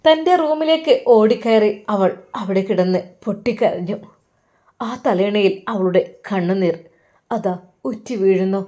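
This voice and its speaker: A woman's voice: mid-range voice, unhurried, mellow. A woman narrating a family story in a dramatic, emotive way.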